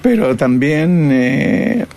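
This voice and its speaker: A man's voice: on the high side, animated, extremely slow, darkish tone. An older man, a cartoonist and painter reflecting on his career in an interview, often tagging his phrases with "¿no?". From Chile. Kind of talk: reminiscing interview.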